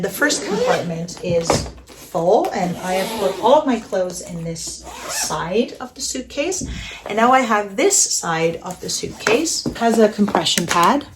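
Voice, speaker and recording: A woman's voice: mid-range voice, background noise. A woman narrating a casual packing vlog in a chatty, enthusiastic way, with playful self-aware humor. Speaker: vlogger.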